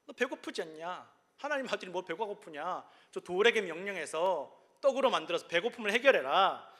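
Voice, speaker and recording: A pastor voicing a sly, coaxing male devil who mocks and wheedles, rising to shouts. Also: sits high, expressive, brisk, pitched above the performer's own voice. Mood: taunting.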